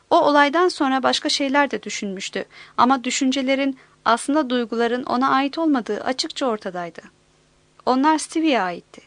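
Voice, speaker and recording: A woman narrates a novel for an audiobook in a high, clear voice at a steady, measured pace. The recording is close and dry, with no room sound or echo.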